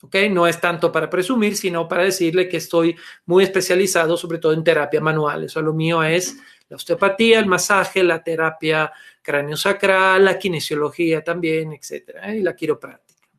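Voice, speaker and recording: A therapy instructor from Italy, a native Italian speaker, leads an online Spanish-language webinar lesson through his webcam. The middle-aged man has a notably high, fairly bright voice with fairly even intonation. He explains patiently and steadily, sprinkling pauses with "eh" and asking "¿ok?" to check in.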